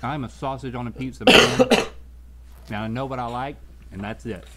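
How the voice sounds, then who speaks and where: A man co-hosting a food tasting show, reacting in an expressive, enthusiastic way. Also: medium pitch, moderate pace, heavy background noise. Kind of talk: casual show banter.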